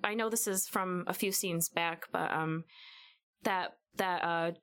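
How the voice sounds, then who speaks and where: A woman's voice: fairly low pitch, unhurried, a bit bright. A woman in a casual podcast chat about a film, talking animatedly and quoting characters in passing.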